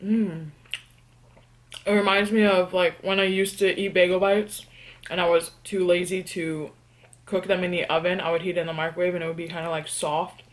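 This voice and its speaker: A young woman from New York doing a casual eating vlog. She answers tag questions and hums between bites in a relaxed, chatty way. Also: on the low side, moderate pace. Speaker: mukbang vlogger.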